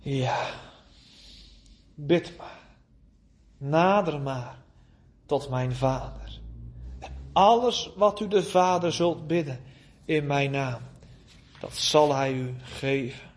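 Slow, high-voiced man preaching fervently. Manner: fervent, pleading, with long drawn-out pauses. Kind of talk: sermon.

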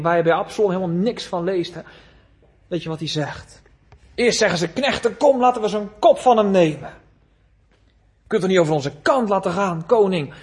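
A preacher with a notably high voice works through his sermon at a slow, deliberate pace. He presses hard on key phrases, then lets his voice sink low and soft. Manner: earnest preaching, rising to loud emphasis then dropping low.

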